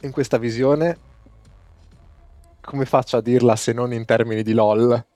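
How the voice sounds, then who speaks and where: Male game master narrating a tabletop session, mellow voice with a dry sound. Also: medium pitch, steady tone, measured pace, dry recording, soft background music.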